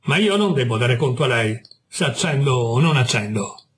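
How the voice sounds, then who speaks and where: A man's voice: mid-range voice, lively intonation, moderate pace, fairly bright tone, close to an everyday voice. A man reading aloud, voicing a bewildered middle-aged café owner who stammers and turns defensive. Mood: irritated.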